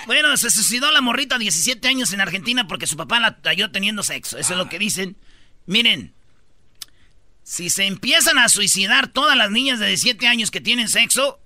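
A man's voice: sits high, expressive, fairly quick, pushed and bright, dry recording. A man with a Mexican accent hosting a comedy radio show, bantering over news items in a slangy, jokey way.

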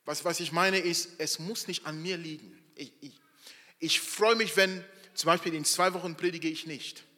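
A pastor in a church hall delivers an animated sermon, his bright, forceful voice rising to loud emphasis and dropping to soft asides. A long reverb trails each phrase through the room. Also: a little high, moderate pace.

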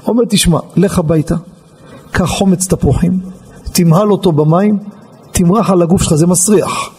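A rabbi telling a personal story in a Torah class, acting out the lines of the people in it. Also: male voice, high-pitched, breathy edge. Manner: animated storyteller, acts out other people's lines. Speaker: rabbi giving a lesson. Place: study hall.

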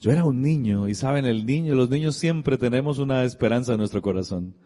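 Pastor preaching in a reverberant hall. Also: male voice, mid-range voice, a little fast, warm tone. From Colombia. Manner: storytelling, acts out dialogue, addresses the congregation directly. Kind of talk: sermon with a personal anecdote.

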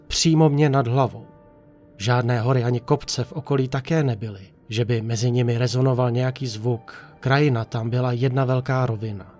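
Calm man narrating a horror story. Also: mid-range voice. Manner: calm, measured first-person telling. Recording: narration over faint music.

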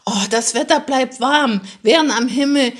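A woman voicing an excited young boy who talks loudly and gleefully in a high voice. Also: normal speed, husky. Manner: loud, gleeful, high-pitched.

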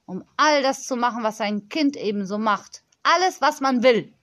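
Gentle soft-spoken nanny, kind and earnest, fairly high voice, as a woman reads her. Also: expressive, moderate pace, dry recording, clean studio sound. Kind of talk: audiobook reading.

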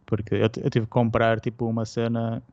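Portuguese guy from portugal accent, medium pitch, slangy casual chat, bit lo-fi. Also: monotone, brisk, darkish tone, no room sound. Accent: European Portuguese. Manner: colloquial, slangy. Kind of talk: casual chat about retro gaming.

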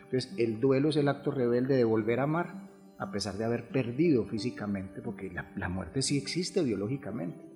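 A man, a grief therapist talking through ideas calmly, answering his own rhetorical questions. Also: mid-range voice, normal speed. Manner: calm, explanatory, rhetorical questions. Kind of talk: reflective podcast conversation. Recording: long hall reverb, faint music behind.

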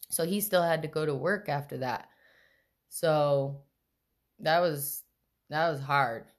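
A young adult woman, a podcast co-host, telling a personal story in casual chat, animated and full of quoted voices. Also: low-pitched, takes it slowly, pauses often.

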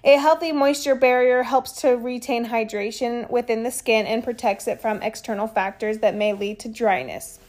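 A woman reading a skincare explainer in a steady way, with small stumbles and casual asides. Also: a little high, moderate pace, hardly any pauses. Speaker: skincare educator.

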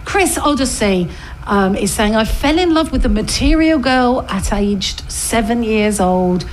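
High-voiced woman hosting radio chat. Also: lively intonation, unhurried, slight background noise, rough recording. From Essex, England. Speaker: radio host.

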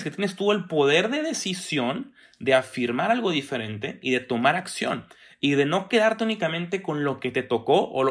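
A man's voice: on the high side, fairly bright tone. A young man giving a motivational talk, speaking directly to the listener and checking in with frequent rhetorical questions.

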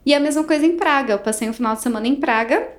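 Animated high-voiced Brazilian woman. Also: rapid-fire. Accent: Brazilian Portuguese. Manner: animated, laughs often, acts out dialogue. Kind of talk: casual storytelling.

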